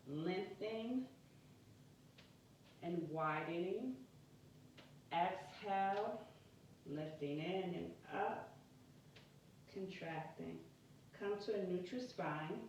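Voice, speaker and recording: A woman guiding an exercise class in a careful, unhurried, deliberate way, cueing step by step in short phrases. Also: on the low side. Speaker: yoga and pelvic floor exercise instructor. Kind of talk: guided exercise instruction. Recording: very echoey room, distant mic, muffled, faint noise.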